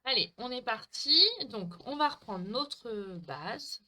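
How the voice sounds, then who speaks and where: A woman hosts a crafting livestream at home, talking warmly to her viewers by name while she stamps and cuts. Her voice is bright and sits a little high. She mocks her own mistakes as she works into a desk mic. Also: expressive, slow pace. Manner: chatty, talks to viewers by name, self-mocking. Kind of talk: chatty live craft demo.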